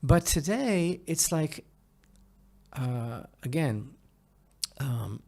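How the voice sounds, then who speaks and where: A man with a slightly high, gravelly yet mellow voice sounds animated as he hosts a podcast of conversational opinion commentary. Halting and emphatic, he repeats phrases and keeps checking in with the listener.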